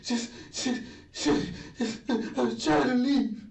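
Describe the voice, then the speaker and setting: Male suspect, slow halting speech, dark mellow tone, old interrogation tape, distant echo. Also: extremely high pitch, steady tone, creaky. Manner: halting, fragmented, repeats words. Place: police interview room.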